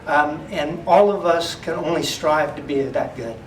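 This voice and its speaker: A man's voice: fairly high pitch, unhurried. A man speaking to a crowd in a farewell tribute to a retiring colleague. He laughs often as he tells his stories. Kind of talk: informal speech to a crowd. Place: large indoor room at an office party. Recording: echoey room recorded from far off, faint noise.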